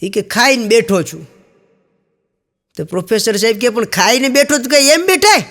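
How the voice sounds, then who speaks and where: Male stand-up comic, high voice, spins jokes as stories, hall reverb. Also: expressive, normal speed, a bit bright. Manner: storytelling, acting out quoted characters with raised pitch. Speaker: stand-up comedian. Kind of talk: Gujarati joke telling to an audience.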